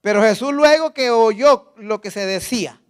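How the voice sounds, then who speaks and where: A man's voice: very high-pitched, moderate pace, smooth. A man preaching a church sermon with emphasis, leaning on rhetorical questions and addressing the congregation directly. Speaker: pastor.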